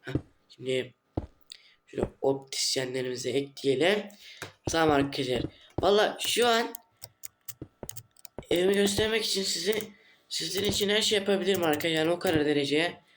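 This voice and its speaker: A man giving casual gameplay commentary, exasperated, swinging between low grumbling and loud outbursts. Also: a little fast, long pauses, a little hiss or hum. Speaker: gameplay streamer.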